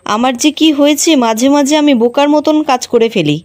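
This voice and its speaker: Brief: a soft, protective young mother, read by a woman, high voice, plain narrated delivery. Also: normal speed, lightly acted. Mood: tender.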